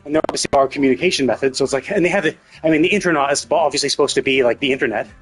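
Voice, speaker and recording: Over game music and with poor audio, a man streams a story game live, giving rambling, repetitive, emphatic casual commentary. He talks very fast in a mid-range, slightly rough voice.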